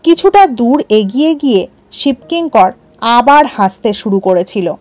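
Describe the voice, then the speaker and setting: Lady reading a story aloud real slow, kinda high voice, soft music behind. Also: lively intonation. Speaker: audiobook narrator. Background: faint music.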